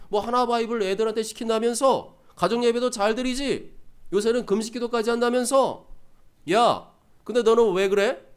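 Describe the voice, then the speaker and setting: A man's voice: very high voice, clean tone, pitched above the performer's own voice. A man voicing a pushy male acquaintance who jeers and fires off needling questions. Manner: jeering, needling rhetorical questions. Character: taunting, mocking male acquaintance, scornful and pushy.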